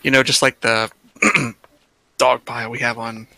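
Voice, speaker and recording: Young man, gravelly fry and a bright edge; teasing, laughing, swears. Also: mid-range voice, fairly even intonation, a little slow, no echo. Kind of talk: casual gaming voice chat.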